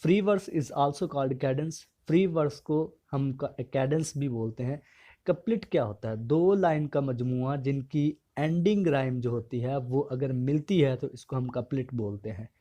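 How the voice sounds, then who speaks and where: A man giving an exam-prep literature lecture, asking a question and then answering it in a steady, explanatory way. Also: medium pitch, unhurried. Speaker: English literature teacher.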